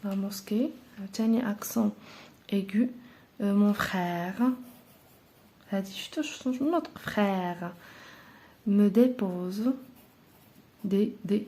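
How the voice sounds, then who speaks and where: A woman teacher with a Moroccan Arabic accent talks her class through a grammar lesson in a mellow, warm voice. She explains patiently, step by step, filling pauses as she goes. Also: medium pitch.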